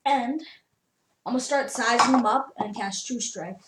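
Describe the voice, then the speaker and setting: A woman's voice: a little high, normal speed. Woman playing a tabletop game, casual talk, echoey room with noise. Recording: echoey room, clearly noisy.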